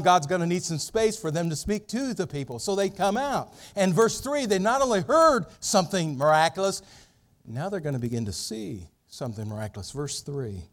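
Telling the story with dramatic flair and sharp shifts between loud and soft, a high-voiced, middle-aged male pastor delivers an expository sermon.

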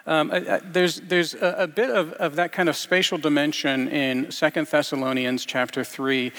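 Man, preacher, gravelly voice, hesitant sermon delivery, echoing church hall. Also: a little high, fairly bright tone. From grew up partly in Iceland. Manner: halting, many fillers and restarts. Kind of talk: scripture reading and sermon.

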